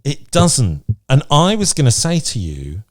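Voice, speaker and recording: With a medium pitch that swoops wildly, a British podcast co-host speaks a little slowly. He's casual, frank, and playful, chatting and reading aloud from a list.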